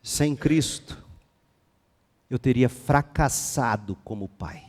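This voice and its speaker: A male pastor with a Brazilian Portuguese accent, preaching a sermon with passion, swinging between hushed and forceful. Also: medium pitch, slow pace, long reverb tail. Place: church sanctuary.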